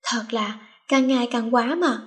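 A woman's voice: on the high side, unhurried, lightly acted. A woman voicing a teenage schoolgirl best friend who scolds, fusses and wheedles. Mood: fussy.

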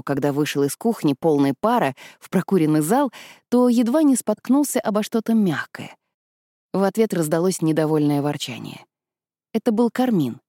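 A woman reading an adventure novel aloud as a steady storyteller. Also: lowish voice, no echo, clean studio sound. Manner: steady storytelling, shifting voices for characters. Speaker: audiobook narrator. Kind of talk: scripted narration.

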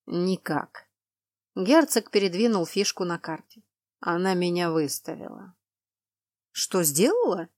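A woman narrating a novel in the first person in an even, measured way. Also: medium pitch, no echo, studio quality. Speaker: audiobook narrator.

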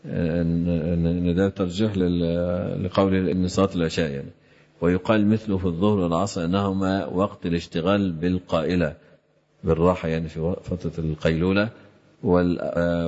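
A man explains a classical text in a lesson, pausing on drawn-out "aah" fillers. His very deep voice stays almost monotone, and he talks at a brisk clip. The recording sounds slightly dull and lo-fi. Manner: frequent drawn-out "aah" fillers between phrases. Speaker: Islamic scholar teaching hadith commentary.

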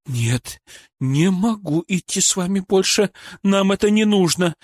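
In a clean studio recording with no room sound, a man reads an audiobook in a high, animated voice at a measured pace, pitched above his natural register. He voices a bitter, furious woman, once a shop clerk and a mother, who hurls accusations and insults. His delivery is harsh and accusing as he shouts them.

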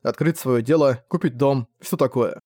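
A man's voice: mid-range voice, normal speed, dry recording, studio quality, close to an everyday voice. A man reading a cool, cheeky young magician. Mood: defiant. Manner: calm and flatly defiant.

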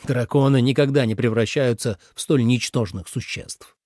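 A man's voice: mid-range voice, moderate pace, darkish tone, no room sound, clean studio sound, close to an everyday voice. A man reading an audiobook voices a proud male celestial dragon with a pompous, haughty manner.

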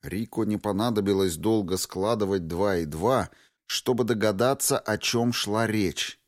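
A man narrating a fantasy audiobook in a measured, unhurried reading. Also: fairly low pitch, dry recording, clean studio sound.

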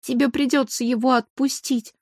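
A woman voicing a gentle, sad young princess who speaks softly. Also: high voice, moderate pace, no room sound, studio quality, natural voice. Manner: soft and gentle.

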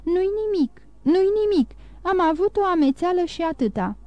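A woman voicing a frail young woman who speaks quickly and agitatedly, forcing a light, reassuring tone. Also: sits high, lively intonation, dry recording, highs cut off. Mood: anxious. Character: frail young woman, anxious, brushing off fear.

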